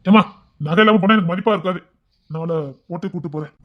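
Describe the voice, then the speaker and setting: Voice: medium pitch, phone-quality sound, close to an everyday voice. A performer playing a blunt young husband, a police officer who argues with his mother in a family drama skit. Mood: firm. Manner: blunt, rapid, scolding.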